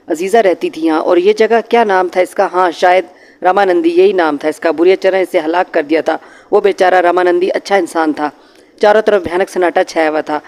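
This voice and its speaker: A man reading a horror novel aloud in a dramatic, measured audiobook narration. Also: high voice, a little mellow.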